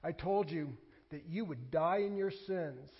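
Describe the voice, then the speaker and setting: A pastor preaching a sermon, moving between quiet scripture reading and loud emphatic declarations. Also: male voice, on the high side, a little slow, slightly rough, dull audio.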